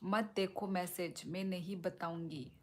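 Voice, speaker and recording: A woman hosting a casual live stream, reading out viewer comments and answering them in an unhurried, teasing way. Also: fairly low pitch, fairly even intonation.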